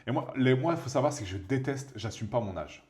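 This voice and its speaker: A man in his 30s co-hosts a podcast, chatting casually and spinning jokey stories while he paints. His voice is medium-pitched and quick, and his storytelling is lively and animated.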